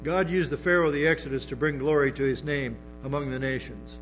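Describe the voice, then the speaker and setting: A man with a slightly high, fairly bright voice preaches fairly quickly as pastor to his congregation. He keeps restarting and dropping in emphatic asides, and the recording is a dull lo-fi sermon tape with music and hum.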